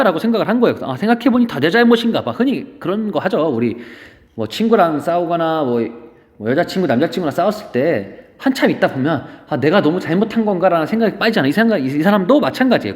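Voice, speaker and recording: A high, animated male teacher walks students through a classical poem and slips into playful everyday retellings as he goes. His pitch swings widely, and a long reverb hangs on every word. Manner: explains the poem with playful modern paraphrases. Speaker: Korean literature teacher. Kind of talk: classroom-style lecture.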